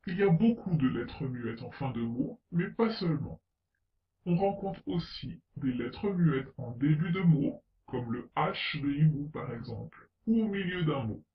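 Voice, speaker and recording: A man with a slightly raised voice narrates a language lesson at an unhurried pace. He sounds set back from the mic in a roomy, echoing space, and the sound is a little dull. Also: on the high side, animated, far from the mic. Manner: slow, deliberate, spelling out letters and example words. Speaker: French pronunciation teacher.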